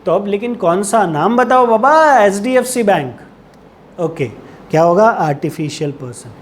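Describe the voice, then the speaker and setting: A man's voice: sits high, animated, moderate pace. A man with an Indian accent giving an accounting lecture, patiently restating each point and asking rhetorical questions to check understanding. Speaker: accounting teacher. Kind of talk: classroom lecture.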